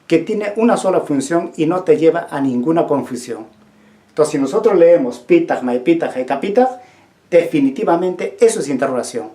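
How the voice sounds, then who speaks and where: Mellow, lively teacher in a roomy space. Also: mid-range voice. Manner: asks the class questions and repeats key points. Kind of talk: language lesson. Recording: roomy echo.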